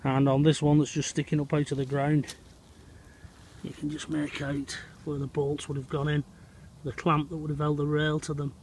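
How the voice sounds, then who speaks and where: Walking through winter woodland, a middle-aged Englishman with a broad Lancashire accent chats easily with viewers he calls "Hot Potters" as he explores old railway sites. His voice is slightly higher than most men's but monotone and darkish, at a moderate pace. A phone at arm's length films him outdoors, with slight background noise.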